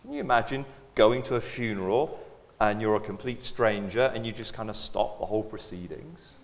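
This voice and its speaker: A man preaching with a lively, rising and falling voice, acting out the imagined voices of a confused crowd. His words ring out with a long reverb through a church hall, as a pastor's sermon from the pulpit. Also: lowish voice, normal speed.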